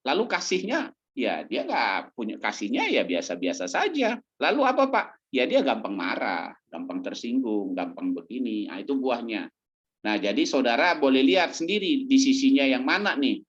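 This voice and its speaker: A male pastor delivers his sermon like a friendly conversation, asking questions and answering them himself. His pitch rises and falls freely through each sentence, and the recording sounds a little dull and lo-fi. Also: normal speed. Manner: lively, conversational preaching with humorous examples.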